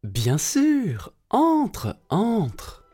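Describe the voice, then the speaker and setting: A man voicing a kind, motherly giantess in a storybook reading, in a soft, high falsetto. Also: huge pitch swings, drawn-out words, breathy edge, dry recording, clean studio sound, faint music behind, heavily acted. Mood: kindly. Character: kind gentle giantess, huge motherly woman.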